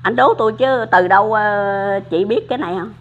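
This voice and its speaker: A woman's voice: medium pitch, moderate pace. Older woman storyteller. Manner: animated, acts out dialogue, addresses listener affectionately. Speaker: storyteller of religious experiences. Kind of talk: casual spoken storytelling. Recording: muffled lo-fi recording.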